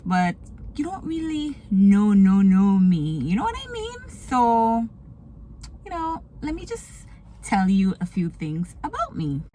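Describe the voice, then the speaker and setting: A medium-pitched woman's voice with a Jamaican accent comes through with slight background noise as she chats from her car. Raised in Kingston, she's a vlogger and small business owner giving a casual get-to-know-me talk, laughing often and moving into patois.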